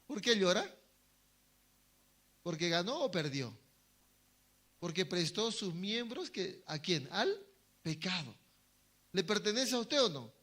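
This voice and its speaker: A man's voice: high voice, very animated, takes it slowly, long pauses, sharp tone. A man preaching a sermon to his congregation, asking them questions and answering them himself, sometimes acting out short quoted voices. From Bolivia. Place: church hall.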